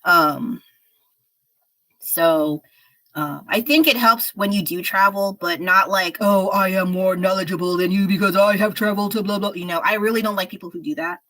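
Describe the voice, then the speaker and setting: A woman's voice: mid-range voice, moderate pace, fairly bright tone, low-quality recording. A woman chatting casually on a livestream while she paints, frank and rambling, a little unwell. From United States. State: slightly unwell. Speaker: streamer.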